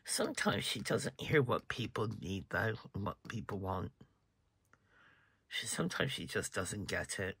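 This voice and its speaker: A man's voice: fairly low pitch, big pitch swings, measured pace, vocal fry, a bit bright, husky, no room sound. A man giving a casual tarot reading, chatty, sometimes dropping to a whisper and apologizing for yawning. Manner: chatty, breaks off to yawn and apologize. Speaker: tarot reader.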